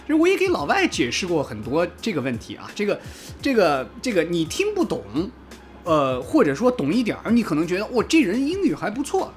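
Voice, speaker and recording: A man from China talking casually in a vlog as a car reviewer, chatty and lively, with a raised voice when he mimics what commenters said and some casual swearing. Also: high-pitched.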